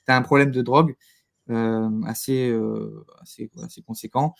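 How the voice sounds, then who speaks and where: A man being interviewed speaks at a middling pitch in a conversational, halting way, repeating words as he searches for the right phrase. His tone stays steady, with vocal fry.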